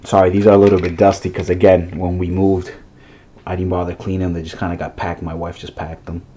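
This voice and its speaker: A man from Massachusetts, USA, with a blocked, stuffy nose rambles through his toy car collection in a casual home vlog recorded on a camera mic. His low, mellow voice stays level as he talks fast and keeps restarting sentences, with a little hiss or hum in the audio.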